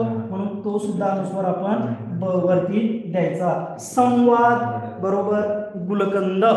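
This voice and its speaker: Male teacher, high-pitched, patient, repeats rules, quizzes himself; echoey distant room recording. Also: a little mellow. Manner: explains patiently, asks questions and answers them himself; repeats each rule several times. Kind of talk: online scholarship exam grammar lesson. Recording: very echoey hall, voice far from the mic.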